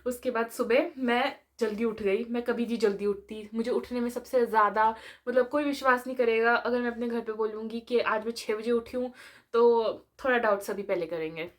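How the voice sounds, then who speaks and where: A woman's voice: on the high side, steady tone, normal speed. A young woman telling a storytime vlog in casual chat, mixing Hindi and English. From India. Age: young adult. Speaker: vlogger, medical student.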